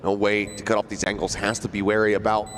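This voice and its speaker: A man working as an esports caster, giving dramatic, flowing, excited play-by-play commentary on a live match. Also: fairly low pitch, quick pace, a little hiss or hum.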